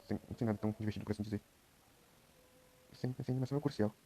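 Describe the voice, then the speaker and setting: A young Brazilian man giving quiet, rambling commentary while he plays a game. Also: on the low side, fairly even intonation, rapid-fire, a little hiss or hum. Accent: Brazilian Portuguese. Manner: talks quietly at night, rambling. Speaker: gameplay streamer. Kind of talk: casual gameplay commentary.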